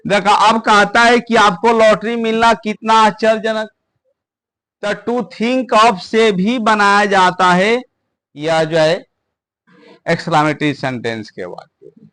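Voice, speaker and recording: A man teaching English grammar in a classroom lesson, slowly repeating phrases word by word. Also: sits high, fairly bright tone. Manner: slow, repeats words one at a time for stress.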